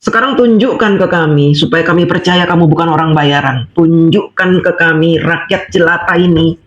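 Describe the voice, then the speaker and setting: A woman's voice: on the low side, normal speed, lo-fi sound. Scolding, mocking woman vlogger. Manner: scolding and mocking, laughing at her target. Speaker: political vlogger. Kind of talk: angry monologue rant. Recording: echoey room with clear background noise.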